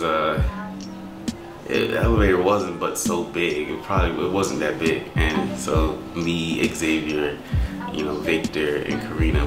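A man telling the behind-the-scenes story of his film in casual, reflective talk, loose with fillers. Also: low-pitched. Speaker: filmmaker describing his film. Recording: roomy sound under loud music.

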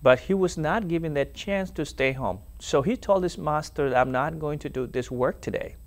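Speaking in a voice on the high side, an earnest young Dinka speaker from South Sudan offers personal testimony as a TV interview guest. On the studio set, wearing a lapel mic, he talks haltingly and uses many fillers.

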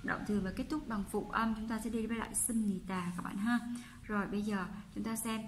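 A woman with a Vietnamese accent, a Korean teacher explaining textbook exercises and patiently repeating each example sentence slowly. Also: medium pitch, steady tone, a little hiss or hum.

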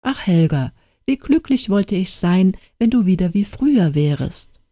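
A woman's voice: mid-range voice, animated, a little slow, mellow, no room sound, clean studio sound. A woman voicing a stern old father in an audiobook tale, speaking in a reproachful, urging way.

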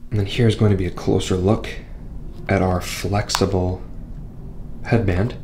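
There's a slight hiss or hum as a young man, seated at a desk in a small studio, presents a product in a scripted unboxing. His low voice is unhurried, and he calmly explains each feature in turn.

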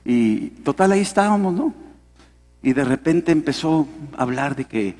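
A man's voice: fairly high pitch, animated, moderate pace, darkish tone. A middle-aged Mexican man, a pastor, telling his story in a sermon and acting out the dialogue. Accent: Mexican Spanish. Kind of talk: sermon testimony. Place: large hall at a men's conference. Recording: echoing hall reverb.

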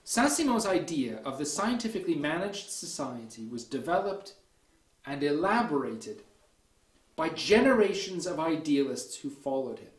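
Guy lecturing on history, slow careful delivery, echoey lecture room. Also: fairly high pitch, big pitch swings. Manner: measured, deliberate delivery with frequent "okay" and "so". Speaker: university lecturer. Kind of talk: academic lecture.

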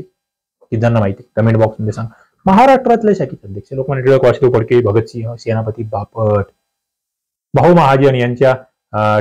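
A man with a Maharashtrian accent teaches an exam-prep lesson, reading questions and answers aloud in an instructive, emphatic way. He drives points home with frequent rhetorical questions, his medium-pitched, mellow voice coming through poor audio.

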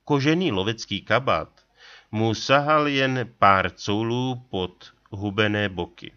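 A man reading an adventure story aloud in a steady, deliberate narrating style. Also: on the low side, dull audio. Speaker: audiobook reader.

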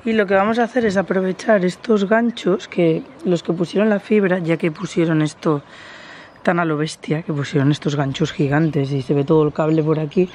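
A woman's voice: on the low side, fairly even intonation, moderate pace, a little mellow, slight background noise. A woman vlogger chatting casually as she walks around her house and garden, explaining the plans. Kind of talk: casual home tour vlog. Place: outdoors in a garden and terrace.

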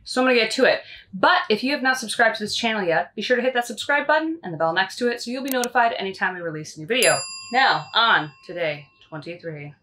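A woman's voice: on the high side, animated, quick pace, pushed and bright, slight background noise. Chatty woman vlogging a trailer renovation. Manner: chatty and matter-of-fact, shrugging things off. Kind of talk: casual vlog update. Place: inside a small travel trailer under renovation. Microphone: handheld camera close to face.

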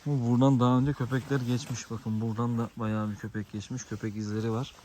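A man's voice: medium pitch, flat delivery, fast, a little hiss or hum. A man talking casually to camera while walking his dog on a rural village road outdoors. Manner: calls out loudly to his dog. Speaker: vlogger. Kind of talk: casual outdoor vlog narration.

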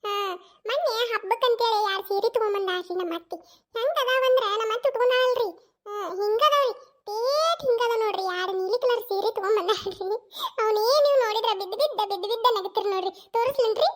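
A woman's voice: extremely high pitch, fast. A woman voicing a cheeky, chatty young daughter-in-law in a cartoon, with a North Karnataka accent and a gossipy, giggly way of talking. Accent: North Karnataka Kannada.

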